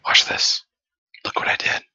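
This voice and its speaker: A man chatting casually and excitably while playing a game with a friend, laughing often. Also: moderate pace, dry recording, dull audio. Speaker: co-host of a gaming channel. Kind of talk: casual gameplay chat. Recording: noisy background.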